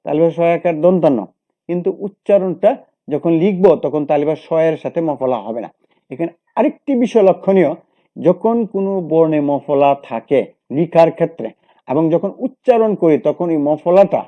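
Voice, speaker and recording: A man's voice: fairly high pitch, dull audio. A man teaching a grammar lesson, working through rules and examples methodically and correcting himself as he goes.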